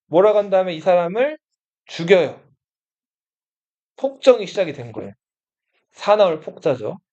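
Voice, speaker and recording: A man's voice: high voice, big pitch swings, moderate pace, a little mellow. Guy giving a history class, keeps asking students stuff, voice jumps around a lot. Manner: asks students questions and answers them himself. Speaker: history teacher. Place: study room classroom. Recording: dull lo-fi classroom recording.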